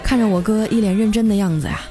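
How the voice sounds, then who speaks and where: Chatty woman telling a comic story. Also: medium pitch. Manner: lively, chatty, drawn-out particles. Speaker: radio story host. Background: faint music.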